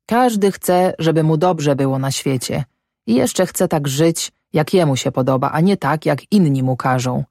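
A woman voicing a sick, thin old German settler in a storybook, speaking in a halting, broken way. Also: sits low, expressive, a little mellow, no echo, studio quality. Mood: weary.

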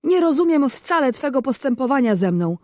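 A woman's voice: sits high, sing-song, moderate pace, no echo, clean studio sound, voice pushed up. A woman voicing a poor, distrustful fisherman in a storybook reading, in a reproachful, lecturing manner. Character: poor clever male fisherman, stern and distrustful.

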